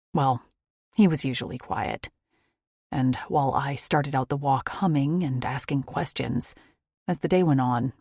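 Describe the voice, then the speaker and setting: A woman narrating a first-person audiobook in a soft, often breathy, half-whispered way. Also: very deep voice, dry recording, clean studio sound.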